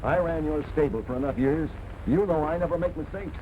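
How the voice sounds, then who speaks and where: A muffled, noisy old film recording. A confident horse trainer played by a man speaks with assurance in a slightly raised pitch. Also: a little fast, close to an everyday voice. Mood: assured. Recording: noisy, dull 1940 film soundtrack.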